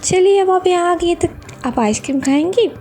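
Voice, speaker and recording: A woman's voice: very high voice, animated, moderate pace, warm tone, pitched above the performer's own voice. A woman voicing a cheerful, teasing young male student in a storybook reading. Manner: playful, chatty.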